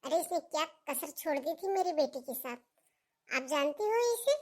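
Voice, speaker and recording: A woman playing a shrill, scolding mother-in-law. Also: animated, moderate pace, a little mellow. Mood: indignant. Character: scolding middle-aged mother-in-law, harsh and domineering. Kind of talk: family melodrama acting.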